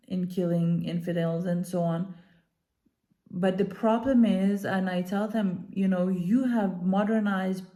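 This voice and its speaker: Speaking straight to camera, this activist and commentator offers off-the-cuff opinions in a mellow, medium-pitched voice. She was born in Iran and moved to Denmark as a child, and her delivery is earnest, halting, and carefully emphatic.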